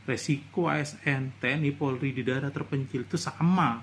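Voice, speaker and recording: A man's voice: mid-range voice, steady tone, moderate pace, fairly bright tone, a little hiss or hum. A middle-aged man from Indonesia giving a casual commentary monologue, indignant and lecturing, his voice rising into outbursts. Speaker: vlogger.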